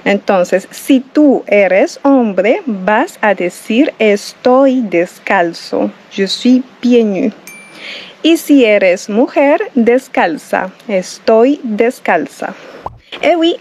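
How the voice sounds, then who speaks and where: Barefoot beside the water, a Colombian woman who teaches Spanish and hosts a channel leads a relaxed lesson, repeating every phrase in Spanish and in French, which she speaks with a Spanish accent. Her voice is slightly high with a darkish tone.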